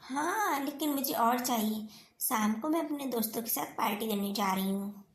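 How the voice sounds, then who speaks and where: A woman's voice: on the high side, expressive, normal speed, a little hiss or hum. Young cartoon daughter-in-law, carefree and spendthrift, voiced by a woman, roomy echo.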